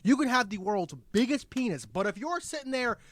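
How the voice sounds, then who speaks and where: A young man co-hosting a podcast, chatting casually and joking in a fast, animated way. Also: very high voice, a little hiss or hum. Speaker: podcast co-host. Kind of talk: casual chat.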